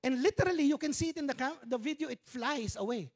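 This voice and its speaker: A Filipino pastor in his fifties preaches from a church stage hung with dark curtains, talking into a handheld mic in a conversational way and tossing in joking Tagalog asides. His voice is very high-pitched and he talks fast.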